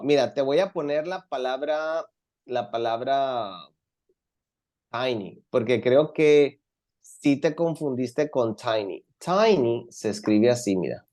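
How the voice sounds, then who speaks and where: A man with a warm, mid-range voice teaches English comparatives in an online class. He switches between languages and patiently repeats words for his students.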